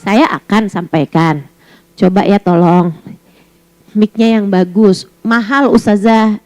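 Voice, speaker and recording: A woman preacher giving a casual sermon to women, lively and teasing, full of rhetorical questions. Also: fairly low pitch, slow, no room sound, poor audio. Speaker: Islamic preacher.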